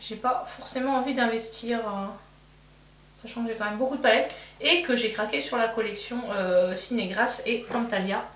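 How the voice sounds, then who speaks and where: Slightly high and a bit bright, the woman's voice moves at a normal speed, picked up by a distant mic. She's a beauty vlogger casually doing her makeup, rambling as she thinks aloud with frequent fillers, restarts, and self-corrections. The recording has an echoey room, off-mic sound, and a faint hum.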